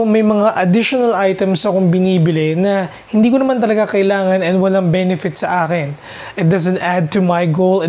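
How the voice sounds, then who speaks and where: A man's voice: high voice, darkish tone. A man in his thirties with a Filipino accent, talking earnestly to the camera as a personal finance vlogger and often checking in with "okay?". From Philippines. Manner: gestures with his hands while talking. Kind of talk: talking to camera, mixing English and Tagalog. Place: small indoor room, seated in front of a couch.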